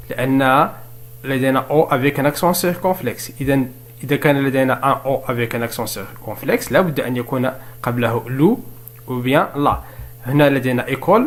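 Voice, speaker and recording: A man teaching a French spelling lesson in another language, explaining step by step, asking and answering his own questions, and dictating examples slowly. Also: medium pitch.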